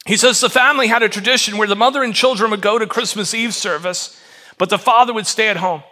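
A middle-aged man, a pastor, giving an earnest Christmas sermon with a story, dropping softer and quieter for emotional moments. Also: sits high, fairly even intonation, quick pace.

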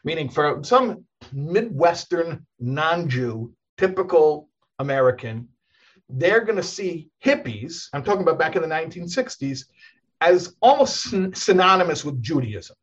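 A rabbi talks through a long, rambling story in a relaxed chat, chuckling and restarting his sentences as he goes. His voice is husky and slightly rough. The recording sounds dull and muffled, as if the highs were cut off. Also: a little slow. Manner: rambling, animated, chuckles often, many restarts. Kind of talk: casual storytelling conversation.

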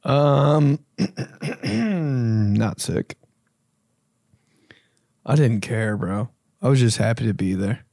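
A man's voice: mid-range voice, animated, extremely slow, vocal fry, long pauses, dark tone, no room sound, studio quality. A young man hosting a podcast, answering listener questions in a laid-back, rambling, profane way. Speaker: podcast host. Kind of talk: casual podcast chat.

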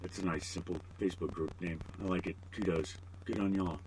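Rambling, self-mocking podcast host, low voice. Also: male voice, steady tone, a little fast, darkish tone, a little hiss or hum, rough recording. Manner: rambling and self-deprecating, joking asides. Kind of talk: casual solo podcast monologue.

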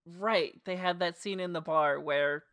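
Podcast co-host, New Jersey accent, bright tone, dry close sound, filler-heavy casual retelling. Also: medium pitch, unhurried, no echo. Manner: chatty, lots of "like" fillers, animated retelling. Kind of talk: casual chat recapping a show.

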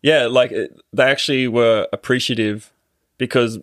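A man's voice: medium pitch, fairly even intonation, normal speed, a bit bright, no echo, clean studio sound. A man with an Australian accent, a podcast guest chatting casually and hesitantly, with many ums and restarts. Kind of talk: casual interview chat.

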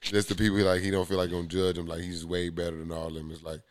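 A man's voice: sits low, flat delivery, quick pace. A laid-back man in his thirties, co-hosting a casual basketball chat in slangy, rambling talk.

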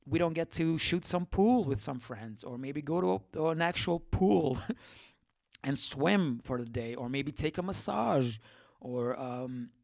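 A man's voice: on the high side, expressive, measured pace, gravelly, a little mellow, no room sound. A man hosting a solo podcast, talking casually and reflectively, with lots of fillers and self-corrections. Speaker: podcast host.

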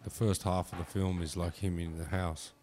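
A man's voice: deep voice, flat delivery, moderate pace, a little mellow. A man chatting casually about films as a podcast co-host, sweary and slangy. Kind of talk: casual film chat. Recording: clearly noisy background ambience.

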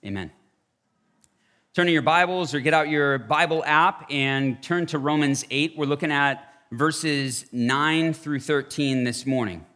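A man in his thirties preaching a sermon at a pulpit microphone, earnest and dropping to hushed tones for emphasis. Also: fairly high pitch, unhurried. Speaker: pastor.

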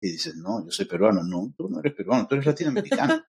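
A man's voice: on the low side, big pitch swings, fast, creaky, darkish tone. A middle-aged man from Lima with a Peruvian accent, explaining ideas to a podcast host in a lecturing way, with frequent fillers like "este". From Peru. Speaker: guest expert on interculturality.

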